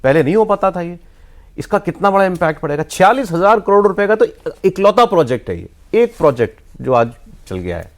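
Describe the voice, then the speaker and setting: A man hosting a TV news discussion, framing the topic and putting questions to his guest in an animated way, mixing in English words. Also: high-pitched, a little fast. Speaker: TV news anchor.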